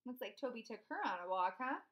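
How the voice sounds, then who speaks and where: Indoors in a small room at home, a young adult woman reads a picture book expressively and pauses to put questions to the children. Her fairly high voice is very animated and quick, though the audio is dull.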